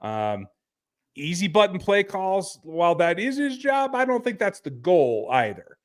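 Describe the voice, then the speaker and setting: A man's voice: high-pitched, big pitch swings, a little slow. Blunt, laid-back male podcast host. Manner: blunt, laid-back, frequent fillers and restarts. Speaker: podcast host reading listener texts. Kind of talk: casual sports talk.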